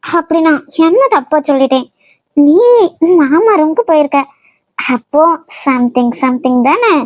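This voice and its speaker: A woman's voice: high-pitched, expressive, unhurried, a little mellow, no room sound. A woman voicing a cheeky, teasing younger sister in a cartoon.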